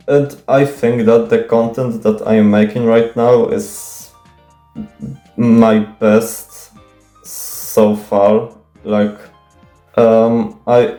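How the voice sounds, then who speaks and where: A young Polish native speaker gives an unscripted Q&A monologue, nervously answering viewers with frequent stutters, restarts, and fillers, plus casual swearing and a self-conscious air. His voice is lowish and dark, recorded in an echoey room with faint music.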